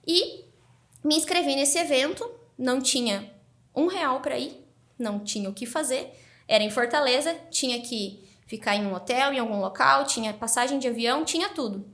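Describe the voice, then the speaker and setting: A woman's voice: high voice, normal speed. A woman guest on a podcast, telling her story animatedly in a casual interview. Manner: animated, excited narration.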